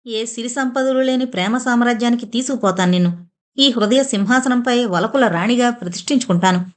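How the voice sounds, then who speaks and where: A woman's voice: a little high, a little fast, natural voice. A woman voicing a proud young man who speaks passionately and indignantly to the women around him in a storybook reading. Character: earnest young man, proud and wounded lover.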